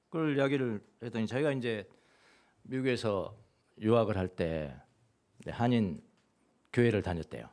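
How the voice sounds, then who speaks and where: A middle-aged man, a pastor, preaching a sermon in church and telling a story, moving between loud and hushed tones. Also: on the low side. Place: church sanctuary.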